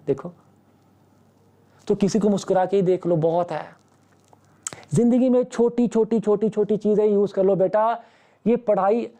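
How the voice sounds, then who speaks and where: A man's voice: high-pitched, warm tone. A man who teaches maths, giving a fatherly motivational talk to students in an online class and asking them rhetorical questions.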